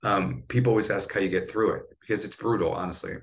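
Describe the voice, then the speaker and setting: Deep-voiced middle-aged guy telling his cancer story, earnest, voice catching now and then. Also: fast talker, vocal fry. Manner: earnest, choked up at times. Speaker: cancer survivor and patient advocate. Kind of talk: emotional podcast interview.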